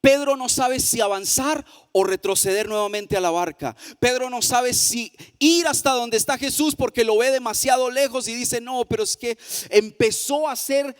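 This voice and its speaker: A man preaching a sermon as pastor, in a sing-song cadence that slows down for emphasis. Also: very high voice, clear, resonant tone, big-room sound. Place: church hall.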